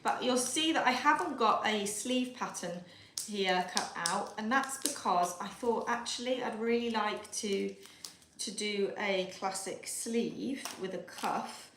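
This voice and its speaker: A woman with a Yorkshire accent, from Yorkshire in England, chats and thinks out loud while hosting a live sewing tutorial from her kitchen. Her voice is medium-pitched with a fairly bright tone. The recording has kitchen echo and background noise.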